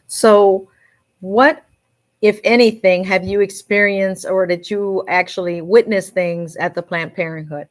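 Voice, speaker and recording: A woman's voice: mid-range voice, steady tone, a little slow. A woman hosting a community radio show, moving between English and Spanish as she introduces a call-in guest. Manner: warm-up chatter, switches between English and Spanish. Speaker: radio host.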